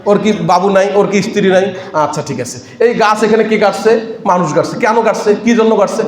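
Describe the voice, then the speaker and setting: A man with a Bangladeshi Bengali accent preaching a sermon, telling lively stories and prompting the audience to answer. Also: sits high, moderate pace. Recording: echoey PA sound at a religious gathering.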